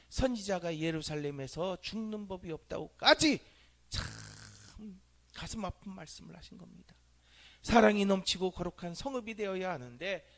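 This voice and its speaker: A man preaches a sermon in a church sanctuary, his voice pitched high and rough with gravel. He swings widely, sinking to hushed near-whispers and then rising to loud exclamations, and keeps asking the congregation questions. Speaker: pastor.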